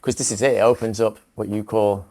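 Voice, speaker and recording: Male host from England, low gravelly voice, earnest, casual swearing. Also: steady tone, a little fast, a little mellow. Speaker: host, music producer. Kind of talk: casual conversation.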